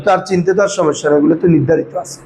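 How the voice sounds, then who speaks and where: A man's voice: a little high, fairly even intonation, rapid-fire, creaky, darkish tone, a little hiss or hum, poor audio. A man teaching Arabic grammar to a class, often quizzing his students and calling them "baba". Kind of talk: classroom lesson.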